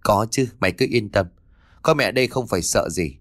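A man playing a superstitious older mother-in-law in a ghost-story audiobook. She talks in a fretful, knowing manner with an animated lilt. The voice is close and dry. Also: fairly low pitch, fairly quick, dry recording, lightly acted. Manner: fretful, knowing folksy talk.

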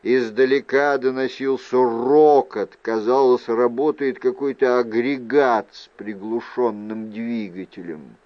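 A man narrating a fantasy novel as an audiobook, reading slowly and evenly. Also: mid-range voice, steady tone, no echo, dull audio. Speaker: audiobook reader.

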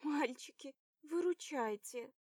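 A woman's voice: sits high, slow, darkish tone, no room sound, clean studio sound, pitched above the performer's own voice. A woman voicing an anxious young woman with a pleading, whimpering manner.

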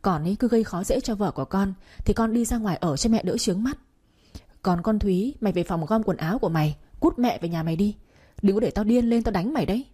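Cast: a blunt, protective young husband, read by a woman narrator, quick and mellow-toned. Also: medium pitch, lively intonation, slightly rough. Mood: angry. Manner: blunt and commanding. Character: young man, protective husband, hot-tempered.

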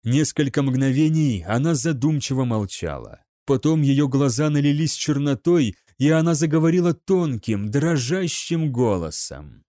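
A man's voice: mid-range voice, lively intonation, a little slow, few pauses, warm tone, no echo, studio quality. A man reading an audiobook with dramatic, scripted narration. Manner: dramatic storytelling.

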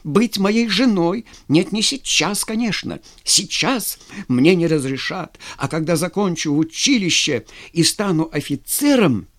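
A man's voice: sits high, expressive, measured pace, hardly any pauses, pitched above the performer's own voice. A man reading a story, voicing an impulsive young cadet who stammers and pleads breathlessly. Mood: desperate pleading.

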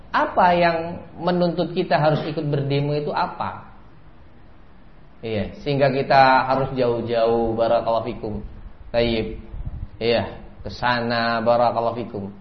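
A man giving a sermon lecture, repeating a set phrase often and rising sharply for emphasis. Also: mid-range voice. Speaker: Islamic preacher. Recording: echoey, dull lo-fi lecture recording.

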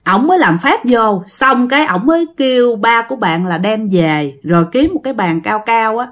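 Brief: woman storyteller, Southern Vietnamese accent, chatty, talks straight to listeners, higher voice. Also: expressive, moderate pace. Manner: chatty, addresses listeners directly. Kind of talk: casual ghost story narration.

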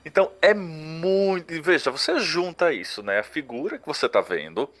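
A man co-hosting a casual podcast discussion, often pausing and restarting as he searches for words. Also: a little high, expressive, fairly bright tone. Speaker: podcast co-host.

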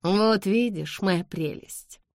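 A woman's voice: medium pitch, takes it slowly, a little mellow, no room sound, clean studio sound, pitched above the performer's own voice. A woman voicing a haughty, disapproving older aristocratic lady who scolds indignantly in an audiobook. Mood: coaxing.

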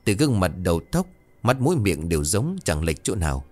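A man narrating a ghost story in a dramatic, expressive way. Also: deep voice, fairly quick.

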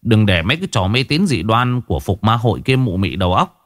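A man's voice: lowish voice, sing-song, brisk, a bit bright, no room sound, clean studio sound. A man voicing a stern middle-aged official who warns firmly. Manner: firm, admonishing.

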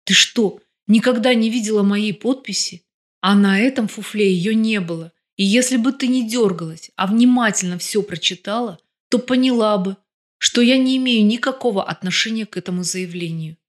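A woman's voice: mid-range voice, normal speed, close to an everyday voice. Audiobook: woman reader doing a cocky husband, mocking, flirty. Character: confident husband, smug and teasing.

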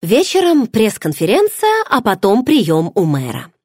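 A woman's voice: medium pitch, wildly swooping pitch, unhurried, darkish tone, husky, no echo, clean studio sound, voice pushed up, heavily acted. A woman voicing a guarded young heroine who replies with hesitant, restrained answers.

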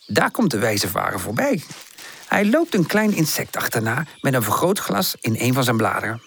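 Brief: male narrator for a children's audiobook, animated, wide pitch range. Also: moderate pace, creaky, slightly rough. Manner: lively, expressive, shifts pitch for each animal character. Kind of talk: children's storybook reading with character voices.

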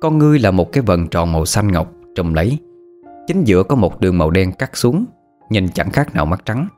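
A man narrating a ghost story in a steady, first-person way. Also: deep voice, a little fast. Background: faint background music.

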